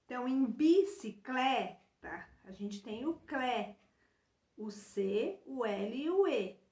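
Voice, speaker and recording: Slow, patient Brazilian woman teacher. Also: a little high, animated, darkish tone, echoey room. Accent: Brazilian Portuguese. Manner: slow, patient, spells out syllables and letters; addresses children directly, many fillers like "né" and "então". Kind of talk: remote lesson walking through a workbook.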